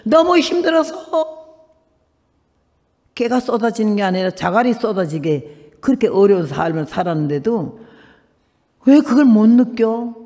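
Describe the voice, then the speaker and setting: Older woman, missionary testimony, animated storyteller, high voice, echoey hall. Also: unhurried, long pauses. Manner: animated storytelling, acting out dialogue. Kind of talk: church testimony. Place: church hall.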